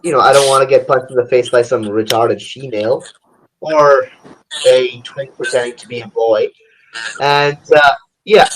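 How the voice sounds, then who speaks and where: A man's voice: mid-range voice, fairly even intonation, moderate pace. A man in his twenties talking bluntly and crudely in a casual group chat, often restarting his sentences. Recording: noisy recording with audible hiss.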